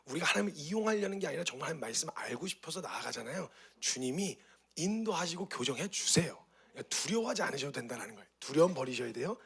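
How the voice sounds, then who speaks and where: A male pastor teaching a meditation class, talking at a rapid clip. His voice is gravelly and husky, pitched a bit high for a man. He tells stories and fires off rhetorical questions. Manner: lively storytelling with rhetorical questions. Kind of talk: teaching talk.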